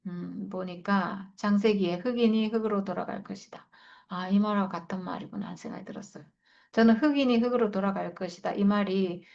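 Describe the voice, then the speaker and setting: A woman's voice: mid-range voice, a little mellow. A woman leading a Bible study, reading scripture aloud and reflecting on it in an earnest, emotional way. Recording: dull lo-fi recording.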